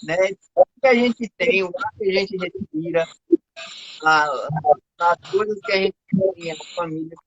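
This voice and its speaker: A man preaching over a video call whose audio keeps cutting out, pausing often with "né" as he reads scripture. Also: high voice, a bit bright, no room sound. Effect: choppy audio that keeps cutting out. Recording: dull lo-fi call audio with dropouts.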